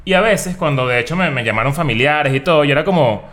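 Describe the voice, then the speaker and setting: A man's voice: a little high, lively intonation, fast, fairly bright tone. A man, talking candidly and reflectively in a casual podcast chat and swearing freely.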